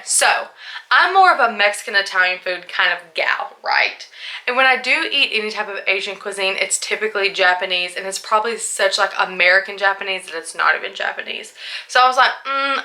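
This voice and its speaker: A woman's voice: medium pitch, fairly quick, bright, forceful tone. A young woman chatting candidly in a casual vlog, a little tipsy, full of asides and likes. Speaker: vlogger.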